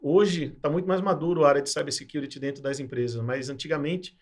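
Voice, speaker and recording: A man from in his forties, speaking. He talks in a reflective, hesitant way, filling pauses as he recalls his path. His voice sits a little high. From Pernambuco, Brazil. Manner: reflective, hesitant with many fillers. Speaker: guest, cybersecurity sales professional. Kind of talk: casual interview talk.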